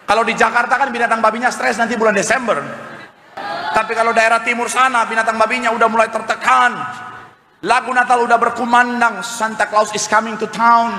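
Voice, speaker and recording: High-voiced preacher in an echoey church. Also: male voice, flat delivery, fairly quick, bright, forceful tone, slight background noise. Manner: playful, calls for audience responses. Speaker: pastor. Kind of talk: lively, humorous sermon. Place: large church. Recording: echoey church hall with ambience.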